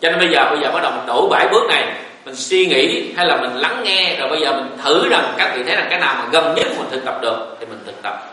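Man, dharma talk, joking manner, somewhat high voice, roomy echo, faint hiss. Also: lively intonation, fast, pushed and bright. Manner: folksy, joking, rising and falling emphasis. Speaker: Buddhist teacher. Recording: echoey room, voice from a distance, faint hiss.

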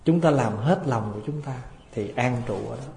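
Male monk, mid-pitched, preaching with anecdotes and rhetorical questions, in an echoey temple hall with long reverb. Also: moderate pace, vocal fry, darkish tone, slight background noise. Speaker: Buddhist monk. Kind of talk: dharma talk.

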